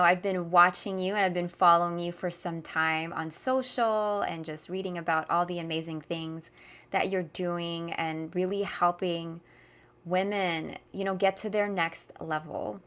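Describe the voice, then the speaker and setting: Female podcast host, slightly low pitch, effusive, emphatic welcomes and interview questions. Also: fairly even intonation, measured pace, fairly bright tone, smooth.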